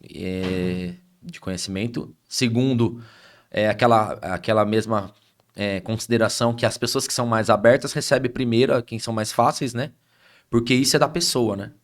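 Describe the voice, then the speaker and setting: A man's voice: fairly low pitch, moderate pace. A man with a Brazilian Portuguese accent, an itinerant pastor telling ministry stories in a podcast conversation.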